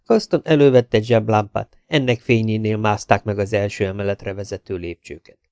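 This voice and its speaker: A man reading a novel aloud as an audiobook narrator, telling the story in an even, steady way. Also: on the low side, clear, resonant tone, no echo, clean studio sound. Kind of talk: scripted narration.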